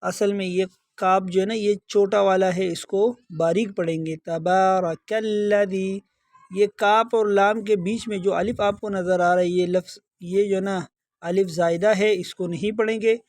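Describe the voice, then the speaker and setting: A man teaching Quran recitation, explaining pronunciation patiently and repeating words slowly to correct common mistakes. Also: sits high, steady tone, dry recording. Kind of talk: tajweed lesson, explaining then chanting verses slowly.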